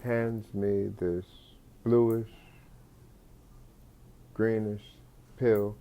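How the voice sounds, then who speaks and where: A man's voice: fairly low pitch, little pitch movement, drawn-out words, mellow. A man telling a comic story in a rambling way, with many fillers and restarts. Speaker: comedic storyteller.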